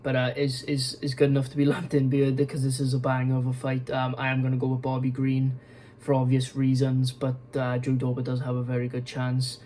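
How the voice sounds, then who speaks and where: A young man hosting an MMA video rambles through casual news commentary in a mid-range, mellow voice, brisk but completely flat. He's tired and yawning, full of fillers, restarts and frequent swearing. The rough recording carries slight background noise.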